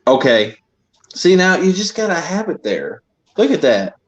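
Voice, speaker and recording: A chatty man in his thirties on a livestream video call, always asking a question. His voice sits a touch higher than most men's. The sound is muffled, lo-fi stream audio. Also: sing-song, measured pace. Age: 30s. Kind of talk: casual chat on a video call.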